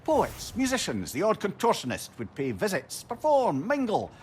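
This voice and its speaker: Mimir, a lively, wistful Scottish old advisor. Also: male voice, high voice, moderate pace. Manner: lyrical, wry, conversational. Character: witty, wistful old male advisor reminiscing about love. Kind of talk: storytelling video game dialogue. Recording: ambient noise behind voice.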